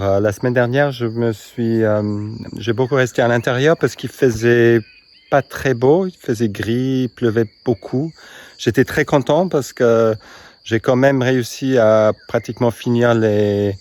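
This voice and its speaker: A man with a fairly low voice hosts a casual garden vlog. He is a non-native speaker whose French is slightly broken, and he pauses to search for words as he shows viewers around. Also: a little mellow. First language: not French. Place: outdoors in a garden and in a greenhouse.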